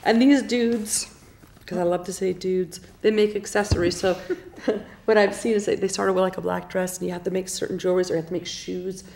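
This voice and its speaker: A woman co-hosting a live talk show, chatting about TV in an animated, blunt way, with her voice going hoarse. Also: fairly low pitch, a little fast. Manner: animated, gushing, blunt opinions. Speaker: co-host. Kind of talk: casual chat about TV shows. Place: studio.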